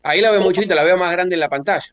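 A man's voice: high voice, rapid-fire, fairly bright tone, smooth, muffled recording. A man with a Rioplatense accent hosting a casual video call interview, curious and describing what he sees. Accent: Rioplatense Spanish. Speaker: interviewer host.

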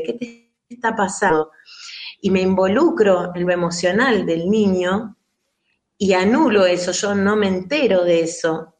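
An earnest woman with a Rioplatense Spanish accent talks things through as an interview guest. She explains at length in a relaxed conversational way and now and then acts out the voices she quotes. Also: medium pitch. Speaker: guest speaking on child rearing.

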